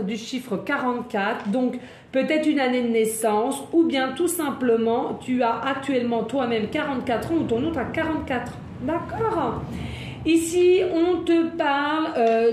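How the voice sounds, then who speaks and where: A woman doing a casual card-reading video, chatty and exclamatory, laughing often and slowing down to repeat each message. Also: high voice. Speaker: tarot card reader. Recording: echoey room with faint ambient noise.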